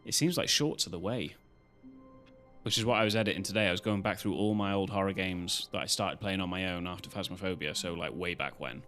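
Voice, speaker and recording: A man's voice: deep voice, fairly quick, fairly bright tone, faint music behind. A British man chatting casually as a live streamer, in a loose, rambling way with some casual swearing. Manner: rambling, loosely strung-together talk.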